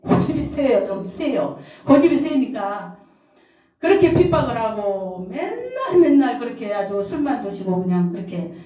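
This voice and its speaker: A woman's voice: fairly high pitch, big pitch swings, normal speed, mellow. Middle-aged woman preaching in a roomy hall. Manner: storytelling, repeats phrases for emphasis. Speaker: pastor's wife preaching. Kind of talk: sermon with personal testimony. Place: prayer house service hall. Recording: roomy hall, distant mic.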